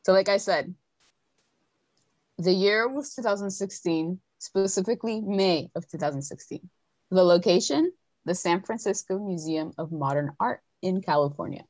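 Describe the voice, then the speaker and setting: A woman's voice: fairly low pitch, moderate pace, darkish tone, no room sound. A young woman hosting a casual chat, telling a story with chatty asides. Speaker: podcast host telling a story.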